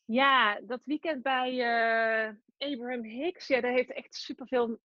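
A woman entrepreneur talks reflectively as a guest in an interview, in a fairly high voice. She often restarts her sentences and hunts for the right words. The recording is dry and slightly dull. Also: steady tone, measured pace, no echo. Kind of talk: casual interview.

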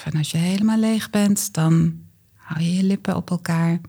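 A woman with a soft, breathy voice calmly giving unhurried instructions for breathing exercises, as a guest breathwork coach. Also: lowish voice.

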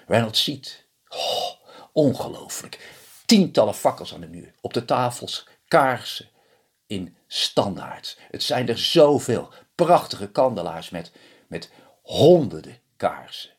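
Animated husky male storyteller. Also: mid-range voice. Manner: animated, hushed dramatic pauses. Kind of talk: told fairy tale.

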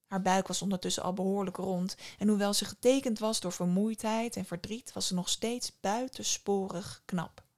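A woman's voice: mid-range voice, steady tone, normal speed, few pauses, a little mellow. Woman narrating a story with wry asides. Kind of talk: scripted narration.

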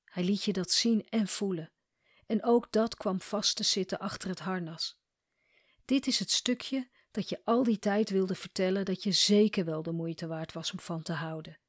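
A woman coach reads a scripted story in a calm, measured manner. Her pitch sits at an ordinary middle height for a woman. The recording is dry and close, with little room sound. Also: dry recording. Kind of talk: scripted narration.

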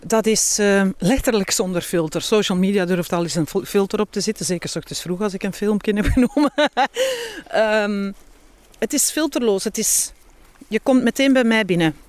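Chatting expressively and candidly as a casual interview guest, a Flemish-accented woman who is an author and healthy-lifestyle speaker talks at normal speed. Her voice is mid-range and darkish in tone, with no echo.

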